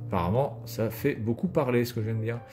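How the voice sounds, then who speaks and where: A man streams a video game with casual, off-the-cuff commentary. He is sarcastic and crude, swearing freely in an average-pitched voice. Music plays behind him. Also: fast, a little mellow.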